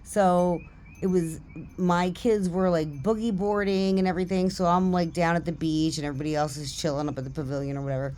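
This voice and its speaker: Middle-aged woman, low voice, casual swearing storyteller, lively and laughing. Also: brisk, a little hiss or hum. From New Jersey.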